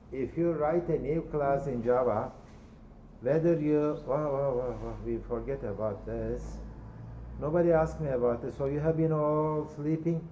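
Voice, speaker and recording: Lecturing at a university, a Turkish-accented man from Turkey repeats points and keeps asking "okay?" and "right?" of his classroom. His pitch is medium, and the dull, echoey hall recording carries a slight hiss or hum.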